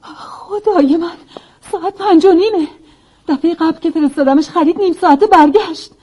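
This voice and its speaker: Worried mom, kinda high pitched, fussy and caring. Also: female voice, warm tone. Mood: fretful. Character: anxious caring mother of a family. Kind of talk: dubbed drama acting.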